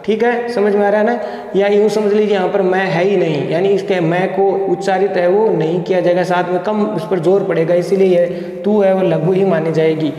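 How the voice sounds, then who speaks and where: High-voiced male lecturer in an echoey room. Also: fairly even intonation, mellow. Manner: explains step by step, counting syllables aloud, chants verses slowly. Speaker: college lecturer. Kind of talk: recorded Hindi poetry lesson. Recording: echoey room with long reverb.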